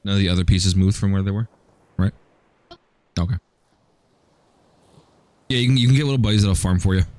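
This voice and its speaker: Male streamer, low-ish voice, casual jokey chat with stammered restarts. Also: brisk, darkish tone, no room sound. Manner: joking, chatty, frequent stammered restarts. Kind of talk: casual livestream chat while gaming.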